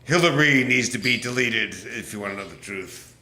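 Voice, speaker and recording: A man's voice: medium pitch, animated, moderate pace, pushed and bright, reverberant. A man ranting to camera in an angry, profane, rambling way, stumbling and restarting. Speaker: political vlogger. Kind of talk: casual rant to camera.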